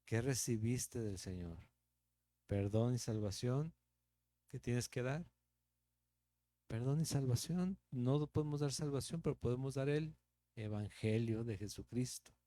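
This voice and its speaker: Slow-spoken Mexican pastor, mellow voice. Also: male voice, mid-range voice, no room sound. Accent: Mexican Spanish. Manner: conversational preaching with rhetorical questions and light laughs. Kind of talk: verse-by-verse Bible teaching.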